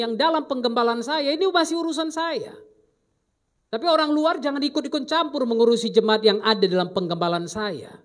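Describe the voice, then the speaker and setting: A man preaching a sermon as pastor, delivering emphatic commands and then dropping into low asides.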